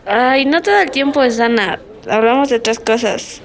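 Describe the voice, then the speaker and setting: A woman's voice: fairly high pitch, lively intonation, normal speed, gravelly. A woman playing a bossy, scheming schoolgirl in an amateur role-play drama, talking in a dramatic, exclaiming way.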